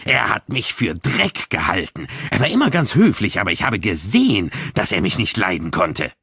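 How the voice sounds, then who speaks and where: A man voicing a spiteful, agitated young man, smug and excitable, bordering on hysteria. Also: medium pitch, moderate pace, breathy edge, no echo, full character voice. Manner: bitter, self-satisfied, excitable.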